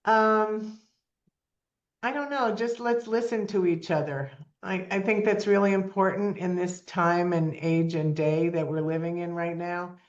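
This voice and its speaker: Appearing as an interview guest, this nonprofit founder in her seventies talks casually, plainly and earnestly, dropping many ums. She has a fairly low pitch, a steady tone and a measured pace, heard through dull audio.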